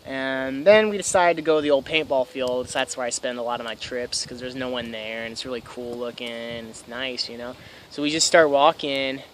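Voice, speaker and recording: A young man in his twenties telling a story casually to camera, excitable, swearing freely and laughing often. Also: medium pitch, brisk, a little hiss or hum. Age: 20s. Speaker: vlogger. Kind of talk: casual first-person storytelling.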